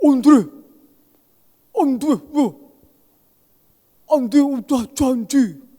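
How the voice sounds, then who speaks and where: Man putting on a cheerful orphanage resident, high sing-song pleading, very slow drawn-out words. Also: mellow, full character voice. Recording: reverberant church hall.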